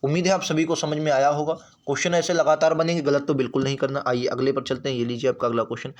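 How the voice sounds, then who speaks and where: A man teaching an exam spelling lesson, who goes through each question, repeats words slowly and keeps checking with the class. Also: mid-range voice, flat delivery. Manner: repeats words slowly and drills answers with "ठीक है"; addresses students as friends, occasionally apologizes.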